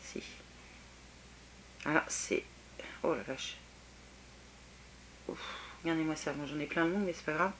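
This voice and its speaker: A woman's voice: low-pitched, a little slow, long pauses, slight background noise. A French woman vlogging a casual makeup review, chatty and hesitant with many fillers, eager about the products. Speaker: beauty vlogger.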